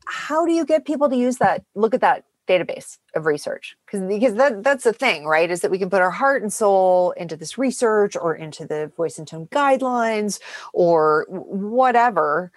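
A woman hosts a podcast and fires off questions in a lively, joking way. Her voice is mid-pitched and animated. The recording sounds dry and close, with no room echo. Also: normal speed. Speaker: podcast host. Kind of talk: casual interview chat.

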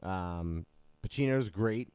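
A man's voice: low-pitched, slow pace, a little mellow, clear, resonant tone, no echo. A man in casual podcast chat about movies, easygoing and hesitant, with frequent ums.

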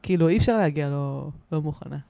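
A woman's voice: low-pitched, creaky, warm tone. A woman guest on a studio podcast, chatting casually and telling a story with lots of fillers and laughs. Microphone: studio microphone.

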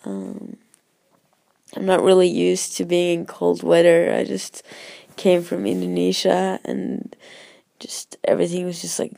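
A woman with a very gravelly, fry-laden voice, hoarse from a cold, chats informally as a travel vlogger. She is a non-native English speaker and rambles hesitantly in a mellow tone, recorded close and dry. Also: on the low side, unhurried, no room sound. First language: not English. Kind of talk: casual talk to followers.

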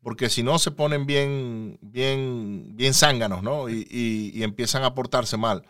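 A man hosting a Spanish-language podcast interview, casual and halting, with lots of fillers and repeated words. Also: medium pitch, a bit bright, no room sound, clean studio sound. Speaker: podcast host. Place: lives near Houston, Texas.

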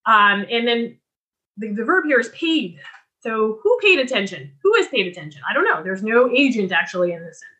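Lively, bright-voiced woman teaching writing. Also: on the high side, brisk. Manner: clear explanatory teaching with frequent restarts. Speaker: writing instructor. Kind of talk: recorded lecture.

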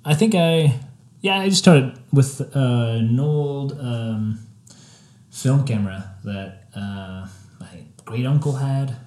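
A man's voice: mid-range voice, slow pace. A young man with a French accent, a photographer being interviewed, talking casually and reflectively with frequent fillers. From Spain. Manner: relaxed, laid-back and reflective, with frequent fillers. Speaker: photographer guest.

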